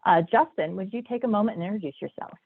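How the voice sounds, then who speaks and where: A woman's voice: medium pitch, fast, slightly rough. A woman with a stuffy, nasal voice from a cold, presenting an online workshop in an enthusiastic, chatty way. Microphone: video call. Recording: dry, phone-like video call audio.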